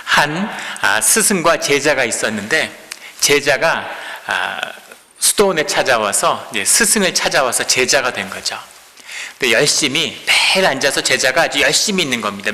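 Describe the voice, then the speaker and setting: A man preaching a Sunday sermon, his voice very bright and forward. He retells a story as he goes and acts out both sides of the dialogue. His words ring out with a long reverb in a church hall. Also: medium pitch. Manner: storytelling, acting out dialogue between master and disciple. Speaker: pastor. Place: church sanctuary.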